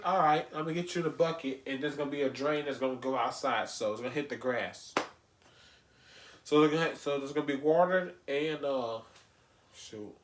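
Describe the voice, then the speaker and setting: A man's voice: a little high, fairly bright tone. A man giving slangy, casual reaction commentary and acting out imagined exchanges. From Louisiana, US. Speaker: reaction video host. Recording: echoey room.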